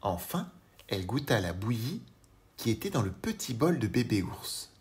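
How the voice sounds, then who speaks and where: A man narrating a children's audiobook in an expressive storytelling manner. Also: lowish voice, normal speed, noisy background.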